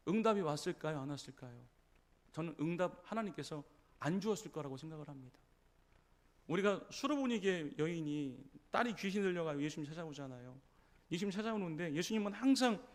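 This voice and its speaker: A male pastor with a high-pitched voice preaches a Sunday morning sermon in his church. He retells scripture stories in a lively way, slipping into the voices of the people he quotes and often turning to the congregation with a quick "예?" to check they are following. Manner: storytelling preacher acting out quoted voices, frequent "예?". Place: church sanctuary.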